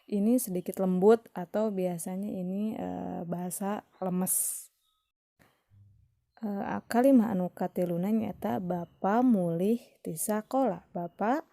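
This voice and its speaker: A woman with a Sundanese accent teaching a recorded lesson to children, patient and slow, raising her voice for the example words. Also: medium pitch, mellow, dry recording, clean studio sound.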